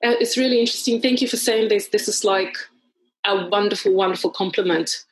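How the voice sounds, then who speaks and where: Speaking English with a heavy foreign accent, this woman first reads from her own book and then talks it over in an interview, thoughtfully hunting for words with frequent restarts. Her mid-range voice is brisk, and the audio quality is poor.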